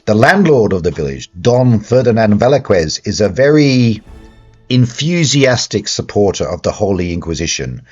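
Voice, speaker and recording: A man voicing a gentle, formal abbot. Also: on the low side, sing-song, moderate pace, slightly rough, highs cut off, soft background music. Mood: grave. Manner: plain unaccented delivery, formal wording. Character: gentle studious male monastery abbot.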